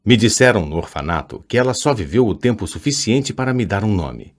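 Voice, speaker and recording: A man's voice: fairly low pitch, sing-song, a little fast. A man voicing a polite, nervous teenage boy student who speaks respectfully in an audiobook. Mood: polite, tense. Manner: respectful, tense.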